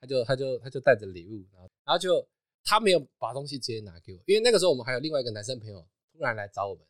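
A man, hosting a podcast and telling a story in a casual, animated chat, laughing often. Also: medium pitch, racing, no echo, studio quality. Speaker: podcast host.

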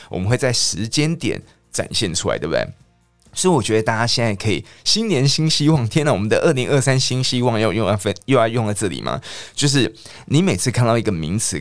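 Guy teaching english, lowish voice that swings up and down, chatty, dry sound. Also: no echo. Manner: chatty, asks listeners questions, repeats words slowly. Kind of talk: lively lesson.

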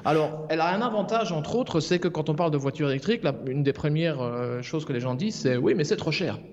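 Man in a muffled, reverberant room. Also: a little high. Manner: joking, relaxed, halting with fillers. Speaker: regular columnist. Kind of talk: casual podcast chat. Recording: dull lo-fi sound with long reverb.

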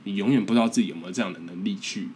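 A man's voice: low voice, racing, a little mellow, a little hiss or hum. A man in his twenties from Taiwan with a Taiwanese Mandarin accent, hosting a casual podcast monologue in an earnest, encouraging, self-deprecating way. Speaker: podcast host.

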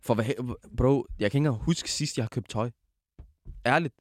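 A young man co-hosting a casual podcast, relaxed, putting questions to the group. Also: mid-range voice, slight background noise. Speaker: podcast co-host. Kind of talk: casual chat.

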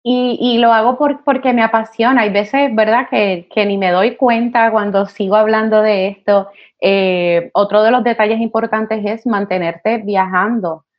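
A woman speaks as a guest in a podcast interview, passionate and animated, often using fillers like "eh" and "este". Her voice sits in a middle pitch. The recording sounds slightly dull. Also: a little slow, few pauses. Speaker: guest, college admissions counselor.

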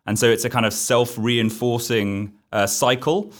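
A man, a podcast guest, explaining ideas at length in a steady, conversational way. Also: medium pitch, measured pace. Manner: steady, explanatory, uneven pace.

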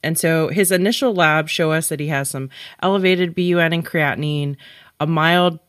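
A podcast host calmly presenting a medical case in a measured, clinical way. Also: mid-range voice, no room sound, clean studio sound.

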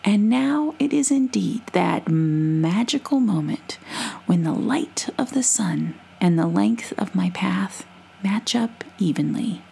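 A woman voicing a gentle wandering male storyteller who speaks politely and whimsically, with small hesitations. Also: mid-range voice, animated, slow, creaky, slightly rough, full character voice. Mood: calm.

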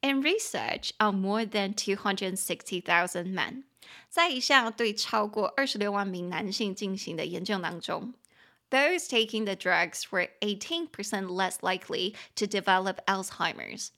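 A young woman hosting a podcast English lesson in a bright, crisp voice. She reads phrases slowly and spells words out letter by letter. She breaks into giggles when a word embarrasses her. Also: medium pitch. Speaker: podcast host and English teacher.

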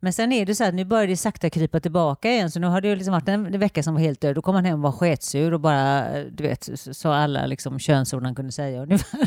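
A woman in her fifties from Sweden, with a Gothenburg accent, chats casually and tells stories, laughing often and swearing now and then. Her voice is low and darkish, with few pauses, recorded clean in a studio with no room sound.

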